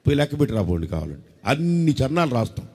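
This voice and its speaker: A man's voice: mid-range voice, fast talker, breathy edge, in a large hall. A man with a Telugu accent preaching a sermon, teasing and quizzing his congregation and leading them in call-and-response. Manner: lively, teasing, quizzes the crowd and breaks into song. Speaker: pastor.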